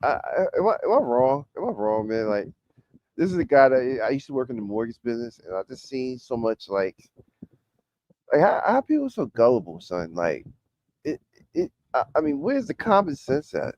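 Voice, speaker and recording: A man calls in with a blunt, exasperated tone, his pitch jumping around a lot as he throws out rhetorical questions. The call audio is dull and lo-fi. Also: big pitch swings, normal speed, a little mellow. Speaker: caller. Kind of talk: phone-in comment.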